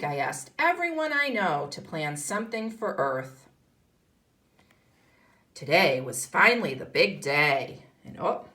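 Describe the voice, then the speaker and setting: This woman, a kindergarten teacher with a fairly low and slightly bright voice, reads a picture book aloud to young children. Along the way she explains the story and asks the kids questions.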